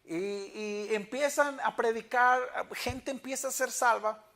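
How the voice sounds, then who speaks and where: Pastor preaching in church; tells stories and acts out the dialogue; mid-range pitch. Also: measured pace, a bit bright. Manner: storytelling, acting out quoted dialogue. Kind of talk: sermon.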